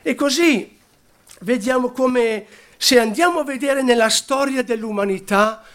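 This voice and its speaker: A man preaching a sermon, unhurried, who stops to correct his own slips. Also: very high-pitched, a bit bright.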